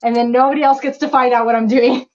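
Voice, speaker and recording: A young woman guest on a video call speaks in a wry, candid, joking way. Her voice is a little high. The audio is dull and lo-fi, like a muffled call line. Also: fairly even intonation, quick pace, a little mellow. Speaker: guest author. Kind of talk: casual interview chat.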